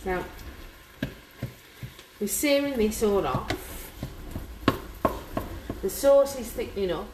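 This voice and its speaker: An English home cook runs a live cooking stream from her kitchen, talking to viewers with casual cheek. She speaks slowly and expressively at a medium pitch, leaving long pauses, and the home recording is noisy with ambient sound.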